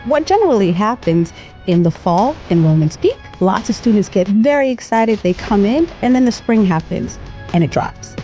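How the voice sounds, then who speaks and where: A woman's voice: medium pitch, very animated, moderate pace, warm tone, soft background music. A woman from Guyana talking as a guest in a podcast interview, emphatic and affirming. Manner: emphatic, affirming, repeats words for stress. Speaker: podcast guest, higher education consultant. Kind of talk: conversational interview.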